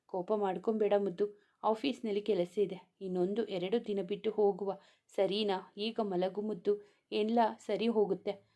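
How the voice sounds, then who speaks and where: A woman voicing a gentle young husband in a family storybook tale, talking in a tender, pleading way. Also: medium pitch, fairly even intonation, moderate pace, close to an everyday voice. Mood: soothing.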